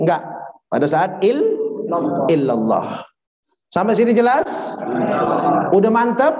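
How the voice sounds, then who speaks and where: A man giving a religious lesson to a live audience. He keeps quizzing his listeners with quick questions and chants Arabic prayer phrases slowly. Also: sits high, a little mellow. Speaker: religious teacher. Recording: echoey, slightly dull hall recording.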